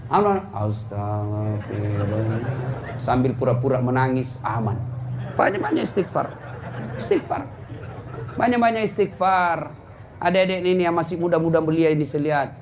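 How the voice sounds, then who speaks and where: A man's voice: on the high side, expressive, noisy background. A middle-aged man preaching a humorous sermon, telling jokes and acting out quarrels. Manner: joking storyteller, acts out quarrels and drawn-out sung prayers.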